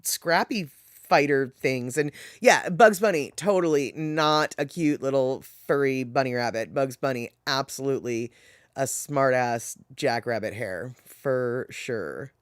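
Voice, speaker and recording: Chatty streamer host, mid-pitched voice, keeps backtracking and laughing at own jokes, dry close mic. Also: a little slow, no room sound. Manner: rambling and self-correcting, laughs at own remarks. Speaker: livestream host reading viewer chat. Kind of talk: casual live-stream chat.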